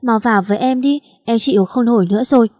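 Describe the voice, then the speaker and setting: A woman's voice: fairly high pitch, fast, a little mellow, dry recording, clean studio sound, natural voice. A woman voicing a clingy young woman calling out in a wheedling, urgent way.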